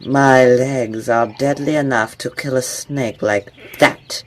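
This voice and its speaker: A man's voice: mid-range voice, steady tone, slow pace, natural voice. A man voicing a pompous, lecturing bird who is confidently wrong.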